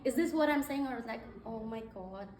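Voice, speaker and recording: Fairly quick and fairly high-pitched, with a darkish tone, a young woman from Nepal gives a conversational guest speech laced with fillers. The event hall sounds echoey, the recording is distant, and there is slight background noise.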